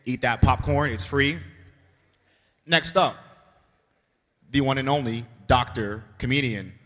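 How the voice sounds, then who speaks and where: A man's voice: mid-range voice, takes it slowly, a bit bright. Casual male emcee in an echoing hall. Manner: loose, chatty hype. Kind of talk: introducing comedians. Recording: reverberant hall with faint noise.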